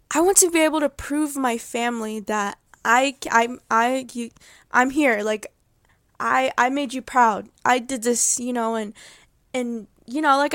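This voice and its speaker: This is a teenage girl speaking on her own podcast, rambling through a heartfelt update with plenty of fillers and restarts. Her voice sits a little high and she laughs easily. The recording is dry and close, with no room sound. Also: no room sound. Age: late teens. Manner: excitable, laughs often. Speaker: podcast host. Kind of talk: casual personal update.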